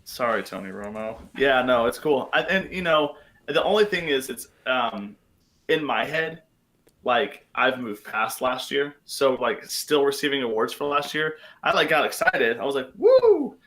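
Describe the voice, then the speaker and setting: Man, bright voice, casual sports chat, excitable, lots of fillers. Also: medium pitch, normal speed, poor audio. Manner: chatty, excitable, many fillers. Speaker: podcast co-host.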